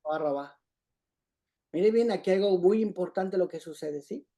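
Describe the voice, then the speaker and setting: A Bible study teacher explaining scripture, repeating points and often checking in with a quick "right?". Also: medium pitch, mellow. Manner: repetitive, checks in with "¿sí?".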